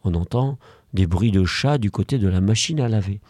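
A man lowering his voice for a puzzled fluffy dog. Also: lively intonation, normal speed, mellow, dry recording, clean studio sound. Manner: low, wondering. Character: soft, round, puzzled family dog.

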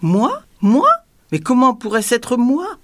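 A woman's voice: on the high side, huge pitch swings, takes it slowly, darkish tone, no room sound, pitched above the performer's own voice, exaggerated voice. A woman voicing a drunk, bewildered dwarf jester who speaks meekly and dazed. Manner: dazed and meek.

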